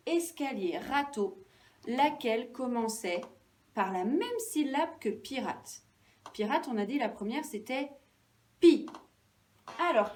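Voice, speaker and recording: Slow, sing-song woman teacher. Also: on the high side, darkish tone, distant mic. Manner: slow and deliberate, stretching out syllables, encouraging. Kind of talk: recorded classroom lesson for young children.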